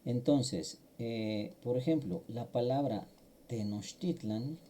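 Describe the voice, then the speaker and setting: A man's voice: mid-range voice, takes it slowly, dark tone, slight background noise. A middle-aged man, patiently explaining a language lesson step by step, with small fillers as he goes. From Mexico. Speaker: language teacher. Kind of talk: online grammar lesson.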